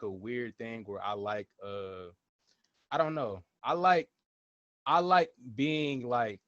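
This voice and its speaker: A man's voice: medium pitch, fairly bright tone, no echo. Twenties male host, blunt and profane, casual chat, muffled dry mic. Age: 20s. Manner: blunt, swears freely, emphatic repetitions. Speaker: podcast host. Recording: dull, dry lo-fi sound.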